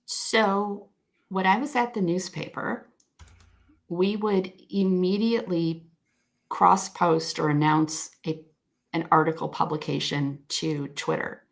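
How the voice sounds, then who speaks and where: A woman's voice: lowish voice, fairly even intonation, takes it slowly, vocal fry. A woman speaking as a guest expert on a video call, explaining search crawling in a thoughtful, frank way with frequent self-corrections. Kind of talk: conversational explanation.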